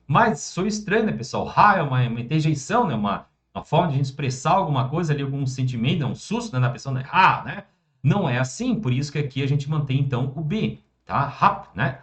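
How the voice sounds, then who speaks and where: A man teaching German in an online lesson, with a voice in the middle of the usual range. He talks in a lively, chatty way, often tagging his sentences with little check-ins. He slows down and spells out each German example with care. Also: medium pitch.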